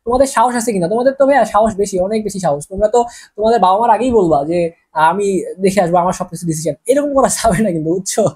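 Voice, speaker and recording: Bangladeshi woman tutor, quick chatty exam prep, mellow husky voice. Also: medium pitch. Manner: chatty, keeps checking in with listeners. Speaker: teacher. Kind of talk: exam-prep lesson solving quiz questions.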